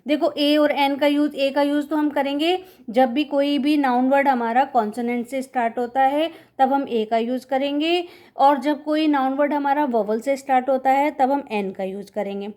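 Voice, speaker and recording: A woman teaching a school English lesson, explaining patiently in a mix of Hindi and English, reading example sentences very slowly and asking and answering her own questions. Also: sits high, fairly even intonation, warm tone. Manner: addresses pupils as children, asks and answers her own questions. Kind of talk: recorded class lesson.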